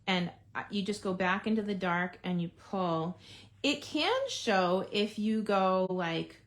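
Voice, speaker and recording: A chatty woman leads a relaxed live craft demonstration. She talks straight to her viewers and thinks aloud as she works, in an easy, mid-pitched voice. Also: measured pace. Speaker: card-making demonstrator. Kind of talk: casual live craft demo.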